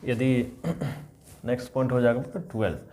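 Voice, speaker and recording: Speaking at a normal speed with a medium pitch, fairly even intonation and a dark tone, this male English teacher explains spelling rules to young learners. He breaks words into letters, then pronounces them whole, going over each rule again and again. His frequent "is that clear" checks address the students as children.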